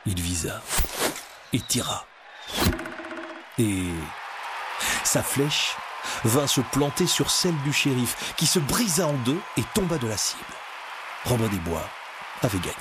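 Expressive male storybook narrator. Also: mid-range voice, heavy background noise. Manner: expressive, dramatic reading.

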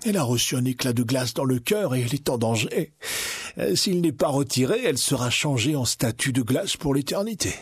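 A man voicing an old troll elder who speaks gravely and solemnly, with a husky voice, in a storybook recording. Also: mid-range voice, expressive, brisk, no echo. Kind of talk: storybook audio acting.

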